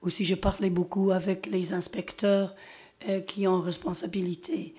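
A fairly low, mellow female voice with little pitch movement belongs to an invited guest speaker from Scotland. English is her first language, so her informal French presentation comes out halting, Scottish-accented and full of pauses while she searches for words.

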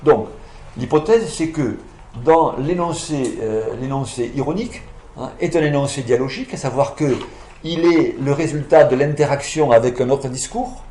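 A male lecturer works through an academic argument, pausing on fillers and correcting himself as he goes. His voice sits at a middle pitch. The sound is roomy and echoing, as in a lecture room. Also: dark tone, slight background noise. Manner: hesitant, many fillers and self-corrections, explanatory.

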